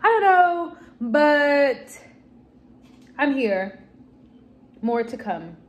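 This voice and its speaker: A woman's voice: sits high, very animated, very slow, dull audio. A young woman from the Chicago area chatting to her phone camera in a casual, candid, self-mocking vlog, from a car and then at home. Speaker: vlogger. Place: car backseat, then small kitchen and living room. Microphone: phone camera held close.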